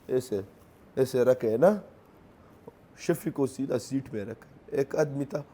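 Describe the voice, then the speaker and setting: A man's voice: medium pitch, mellow. Grieving man with a Pashto accent. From Khyber Pakhtunkhwa, Pakistan. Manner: halting, broken phrasing, repeats himself. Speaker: interviewee. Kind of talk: emotional recounting in interview.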